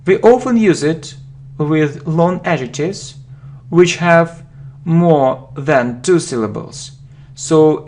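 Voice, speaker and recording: Woman teaching grammar, super slow, says every example twice, typing in the background. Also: low voice, darkish tone, a little hiss or hum. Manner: slow and deliberate, repeats example words. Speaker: English teacher. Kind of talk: slow spoken grammar lesson.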